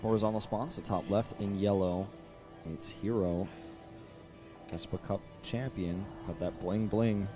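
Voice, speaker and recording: A man's voice: on the low side, steady tone, measured pace, over music. A man casting a competitive strategy game match, joking and riffing in mock voices between play-by-play calls. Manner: jokey, riffs with mock voices. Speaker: esports caster. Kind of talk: playful game commentary.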